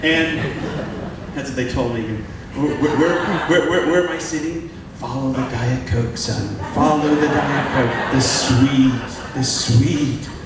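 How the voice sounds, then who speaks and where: A man's voice: medium pitch, takes it slowly. A man in his forties hosting a live onstage interview, talking in a rambling way with many restarts. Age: 40s. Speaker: host. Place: live event stage. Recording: echoey live room from far off with noise.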